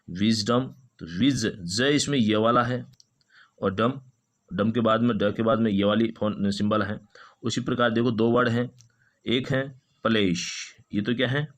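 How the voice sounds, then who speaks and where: A man teaching an English phonetics lesson, repeating each word slowly several times. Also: medium pitch, a bit bright.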